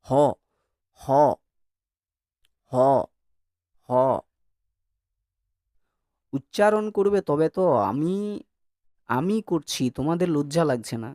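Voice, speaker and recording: A man's voice: fairly high pitch, darkish tone, dry recording, studio quality. A male teacher giving a classroom lecture who coaxes his students to answer and demonstrates sounds by repeating them.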